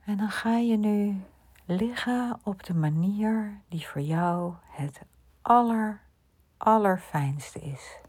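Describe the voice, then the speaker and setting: Woman, sleep meditation guide, very slow pace, soft half-whispered delivery, mellow breathy voice. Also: mid-range voice.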